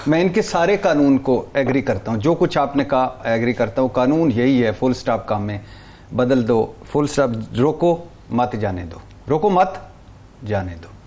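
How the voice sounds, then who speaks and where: A man talking on a TV political talk show, animated, rattling off long lists of names with stumbles and restarts. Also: mid-range voice.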